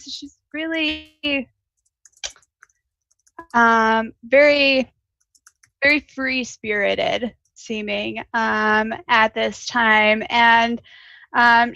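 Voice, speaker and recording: A woman improvising a character description as a tabletop player, hesitant and halting, on a slightly dull recording. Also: a little high, bright, forceful tone, no echo. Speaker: tabletop role-playing player.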